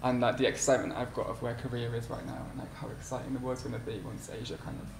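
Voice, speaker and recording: A man's voice: mid-range voice, little pitch movement, fast talker, vocal fry. A man in his twenties speaking on a panel, enthusiastic and rambling. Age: 20s. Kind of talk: panel discussion. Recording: echoey hall with noise.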